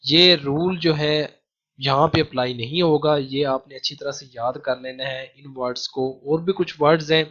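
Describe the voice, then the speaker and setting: A man teaching a grammar lecture with a Pakistani Urdu accent, patiently repeating key rules slowly. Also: on the high side, steady tone, a bit bright. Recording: dull lo-fi sound.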